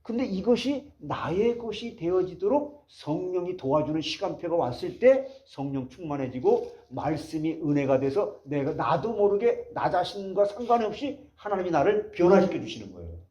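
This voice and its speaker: A male pastor preaches with a high, lively voice that swings up and down as he presses his points. He keeps turning to the congregation with rhetorical questions. The recording sounds dull and lo-fi. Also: normal speed, hardly any pauses. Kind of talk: sermon.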